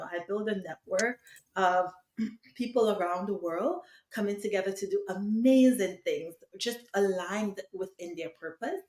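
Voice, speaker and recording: A woman's voice: medium pitch, darkish tone, echoey room. A woman from Trinidad and Tobago, talking enthusiastically as a webinar co-host. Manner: enthusiastic, upbeat. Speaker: co-host, holistic coach. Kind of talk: casual webinar talk.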